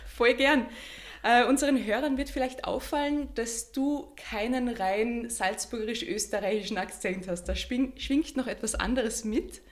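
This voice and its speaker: A woman hosting a podcast, asking friendly, clearly phrased questions. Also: a little high, moderate pace. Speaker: podcast host, editor. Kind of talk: interview podcast.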